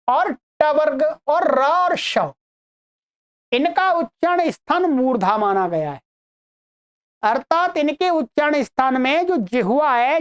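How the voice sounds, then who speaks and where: Woman teacher, high and animated, slow patient delivery, repeats each sound for the class. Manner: repeats sounds slowly and many times for learners to copy. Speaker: Sanskrit teacher. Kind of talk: online pronunciation lesson.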